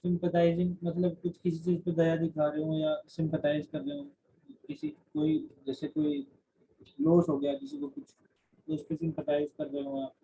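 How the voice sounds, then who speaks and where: A man's voice: a little high, expressive, normal speed, vocal fry, warm tone, slightly rough. A man teaching a class, explaining in Hindi mixed with English terms and often restarting his sentences. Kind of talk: classroom lecture. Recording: dull lo-fi recording.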